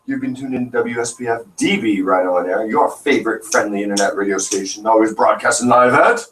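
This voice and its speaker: On a casual internet radio show, this man co-hosts with rambling jokes and frequent restarts, his voice on the low side, a bit bright and fairly quick. He's recorded on a desk radio microphone in a small studio, sounding roomy and distant, with slight background noise.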